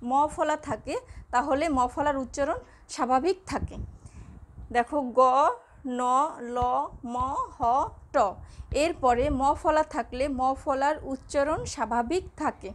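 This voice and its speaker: High-voiced woman teaching pronunciation. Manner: slow, patient, spells out letters one by one. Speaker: Bengali lecturer. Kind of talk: classroom lecture.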